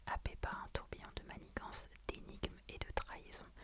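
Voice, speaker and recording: Woman doing asmr book talk, all soft breathy library whisper, super hushed. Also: moderate pace. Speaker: ASMR creator. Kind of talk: whispered ASMR book wishlist, reading out blurbs.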